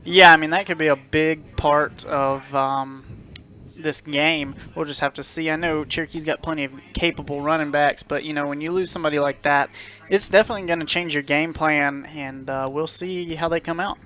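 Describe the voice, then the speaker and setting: A man chimes in as a football co-commentator, talking casually and leaning on "you know" as he thinks aloud. His voice sits fairly high and sounds bright and forceful. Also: steady tone, normal speed. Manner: chatty, hedging, frequent "you know". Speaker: sports co-commentator.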